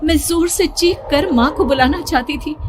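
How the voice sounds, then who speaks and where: A woman's voice: high voice, normal speed, heavy background noise. A woman telling a first-person horror story in scripted narration, tense and frightened in a dramatic way.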